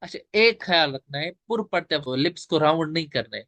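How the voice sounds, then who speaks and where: Man, tajweed teacher, online class, patient step-by-step explaining, slightly high voice, dry close sound. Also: animated, brisk, bright, forceful tone, no room sound.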